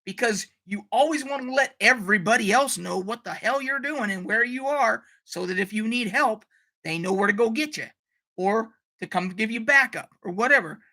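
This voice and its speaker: A woman's voice: fairly high pitch, lively intonation, moderate pace, sharp tone. A woman hosting a casual live stream, ranting animatedly, swearing freely and reading out viewer comments. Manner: reads out viewer chat comments.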